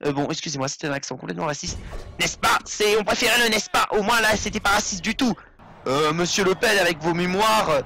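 A man's voice: high-pitched, quick pace, pushed and bright. A young man giving casual, rambling gameplay commentary, joking and swearing as he plays. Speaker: let's play commentator.

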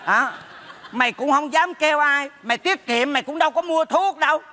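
An actor playing a blunt, meddling neighbor friend in a stage comedy sketch, teasing and scolding fast. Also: male voice, extremely high pitch, pushed and bright, big-room sound. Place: theater stage.

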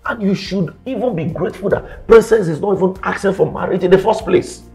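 An actor playing a cynical, pushy, worldly friend in a film drama, scoffing, with a Nigerian accent. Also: male voice, high voice, fairly quick, gravelly, faint music behind. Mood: scornful. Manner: scoffing, animated.

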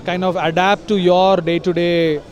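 Man, thirties, high pitch, lots of "uh", consultant interview at a trade show. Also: flat delivery, moderate pace, highs cut off. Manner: explanatory, many hesitations. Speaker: lighting design consultant. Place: busy expo hall. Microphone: handheld mic from interviewer.

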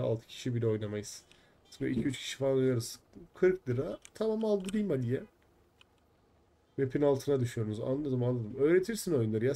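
A man's voice: mid-range voice, mellow. Frustrated young man streaming a game. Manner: frustrated, swears often, chats with viewers. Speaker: gaming streamer. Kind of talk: live game stream chat.

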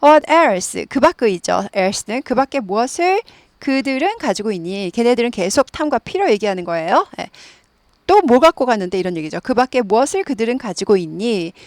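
Korean woman teaching English grammar slowly. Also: a little high, big pitch swings, darkish tone, no room sound. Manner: reads English example sentences slowly and carefully; repeats words many times for drilling.

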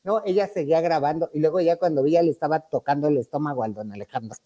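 A woman's voice: low-pitched, fast, warm tone. A woman with a Mexican accent telling a funny anecdote in a casual chat. She acts out the voices of the people in her story and laughs often. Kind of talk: casual anecdote among friends.

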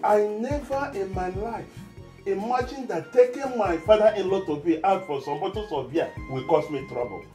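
A man's voice: a little high, expressive, moderate pace, over music, close to an everyday voice. A man playing a fretful Nigerian suitor. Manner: pleading and fretful. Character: lovesick young man desperate to wed. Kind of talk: Nollywood film acting. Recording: echoey room, distant from mic.

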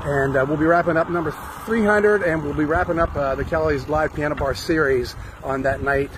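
A man's voice: on the high side, fairly quick. An older man chatting upbeat with many fillers, recording himself outdoors on a bike ride with a handheld phone. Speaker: musician vlogger. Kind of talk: casual vlog update. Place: outdoors on a sunny street, riding a bike. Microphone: phone camera held close. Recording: faint wind noise outdoors.

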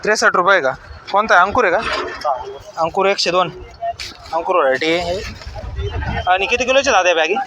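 Brisk high-voiced man at a noisy market. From Maharashtra. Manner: brisk, repeats each answer back as a question. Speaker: market reporter vlogger. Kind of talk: quick on-the-spot interviews with farmers. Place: outdoor vegetable wholesale market. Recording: noisy open-air market.

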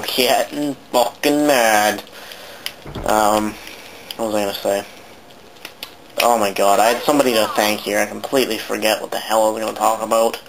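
A man's voice: mid-range voice, creaky, noisy background. A man with a sore throat giving rambling, casual commentary while playing a video game, swearing often. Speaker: let's play commentator.

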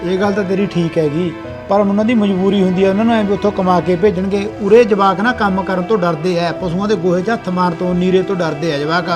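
An actor playing an earnest farmer elder brother who talks plainly and reassuringly. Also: male voice, high voice, steady tone, fast talker, music in the background, natural voice. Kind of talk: village family drama acting.

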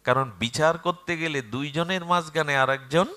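A disguised god posing as an old brahmin man, as a male storyteller puts him on. He speaks calmly, reasoning like a patient arbiter. The voice belongs to a spoken devotional tale. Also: fairly high pitch, normal speed.

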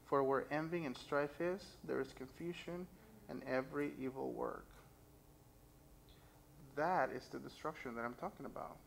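Creaky and medium-pitched, a young man's voice moves at a moderate pace as he testifies earnestly about his life and reads scripture from the pulpit of a church sanctuary. Recorded by a stand mic and a distant camera, the poor audio carries a faint hiss or hum.

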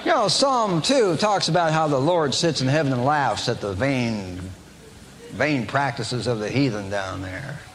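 A man giving a lively sermon-style talk, animated, often mimicking others in a high mocking voice. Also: measured pace. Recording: long hall reverb, faint background noise.

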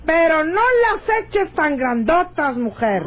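In a radionovela, an actress plays a stubborn rural woman in love who mocks and scolds with an annoyed, folksy theatricality and a Mexican accent. Her very high voice is exaggerated and sing-song, and she speaks slowly. The recording sounds dull and lo-fi, like an old radio drama.

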